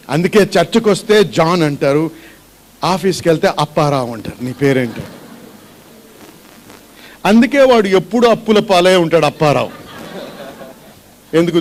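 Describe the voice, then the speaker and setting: A male pastor preaching a sermon in a church, asking repeated questions and calling on the congregation to respond. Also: high voice.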